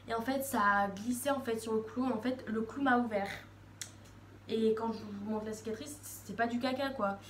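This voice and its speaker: Talking to her phone camera, a teenage girl rambles chattily and hesitantly, filling her speech with "um"s and starting over often. Her high-ish voice stays steady at a normal speed. Echo from the room and faint background noise come through.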